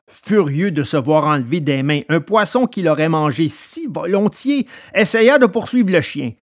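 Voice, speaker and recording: A man narrating a children's storybook episode with expressive delivery. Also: high-pitched. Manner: expressive, lively. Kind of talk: storybook reading.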